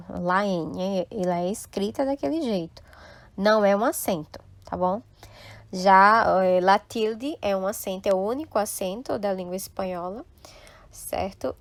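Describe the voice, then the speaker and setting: A woman teacher walks a class through a lesson at an unhurried pace. She explains each point patiently and keeps checking that her students follow. Her voice sounds dry and close, with no echo. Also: medium pitch. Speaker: Spanish teacher. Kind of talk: recorded online class.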